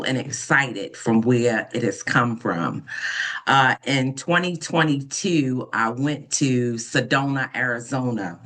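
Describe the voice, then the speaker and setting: Bright-voiced woman in her fifties, earnest. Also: rumbling low. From Baltimore, United States. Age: 50s. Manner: earnest and unhurried, pausing often with soft fillers. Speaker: interview guest, ordained minister. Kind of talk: reflective personal storytelling in an interview.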